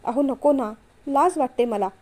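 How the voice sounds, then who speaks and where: A woman's voice: high-pitched, a little slow, darkish tone. A woman voicing a shy young wife. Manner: pleading, flustered. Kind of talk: storytelling read-aloud.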